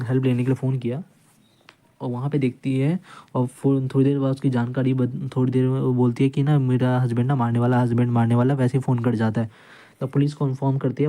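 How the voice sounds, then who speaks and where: Warm and medium-pitched, a male law tutor lectures informally. He illustrates points through recounted cases and repeated phrases while weaving English legal terms into his talk.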